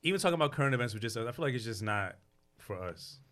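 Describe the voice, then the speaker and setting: A man hosting a casual podcast chat, slangy and quick to laugh. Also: medium pitch, animated, a bit bright. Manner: loose, slangy, laughs often. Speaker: podcast host. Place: podcast set with a camera.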